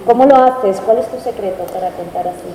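A woman's voice: medium pitch, a little fast, gravelly, mellow. A woman moderating a panel, courteously putting long questions and rephrasing them as she goes. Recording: echoey hall with faint noise.

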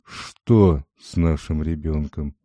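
A man reading aloud, voicing a rough, bearded poor father with a gruff, loud voice. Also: extremely low pitch, slow, no room sound, studio quality.

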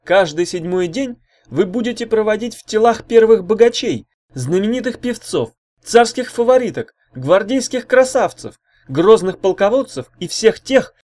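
A man plays a smooth-talking swindler making a grand pitch to a rough crowd. His voice climbs high and loud, swinging wide as he promises riches. Wheedling, theatrical, relentless. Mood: enticing. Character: slick wheedling male swindler, showy persuader.

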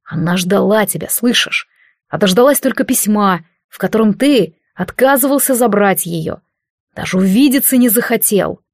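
A woman reading the lines of a stern young male prince, quiet, slow and threatening in an audiobook. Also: mid-range voice, expressive, no echo, clean studio sound. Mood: menacing.

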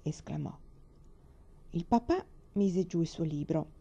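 A woman reading a children's storybook aloud in a calm, measured way. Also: lowish voice, vocal fry, slightly rough. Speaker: reader. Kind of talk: storybook narration. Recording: dull lo-fi recording.

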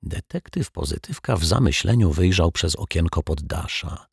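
A man narrating a children's storybook in a calm, even storytelling manner, recorded on a close microphone. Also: low voice, normal speed, gravelly, slightly rough, no room sound. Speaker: audiobook narrator.

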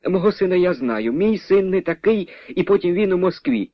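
A man's voice: high-pitched, animated, normal speed, no room sound, voice pushed up. A man voicing a stubborn old peasant widow who scolds and refuses to believe, in a dull, dry radio recording. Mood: scolding. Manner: scolding, disbelieving, sharp-tongued.

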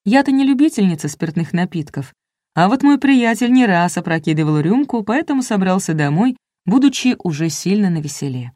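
A woman's voice: mid-range voice, expressive, a little fast, a little mellow, no echo, studio quality. Wry woman reading an audiobook. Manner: wry, ironic storytelling. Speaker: audiobook narrator. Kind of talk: first-person audiobook reading.

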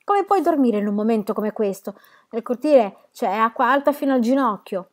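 Casting note: urgent young man in a storybook reading, higher and louder than the narration, read by a woman. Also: fairly quick, natural voice. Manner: urgent, calling out. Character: hurried young man fleeing a flood.

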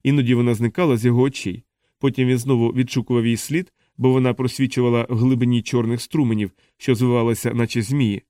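Mellow male audiobook narrator. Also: medium pitch, no room sound, clean studio sound. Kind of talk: scripted narration.

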